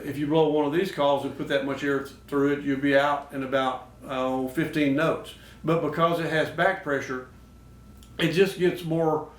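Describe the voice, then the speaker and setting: A man hosting a show, giving casual, instructional talk. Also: a little high. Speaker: host of a duck call show. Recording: echoey noisy room, distant mic.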